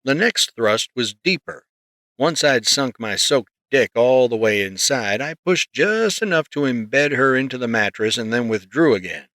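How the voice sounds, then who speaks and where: A man narrating a story in the first person, reading in a steady, measured way close to the mic. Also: mid-range voice, no echo. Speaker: audiobook narrator.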